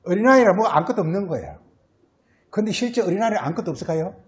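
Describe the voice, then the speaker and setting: A man's voice: sits high, lively intonation, rapid-fire. A pastor preaching a Sunday sermon. He keeps asking questions and answering them himself, uses a lot of filler words, and often tacks a short tag word onto the end of a phrase.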